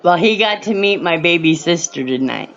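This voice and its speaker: A woman's voice: lowish voice, lively intonation, normal speed, a faint crowd. A woman chatting casually as a guest on a call-in stream, her voice tinny through the call line. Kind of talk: casual chat. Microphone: remote call audio.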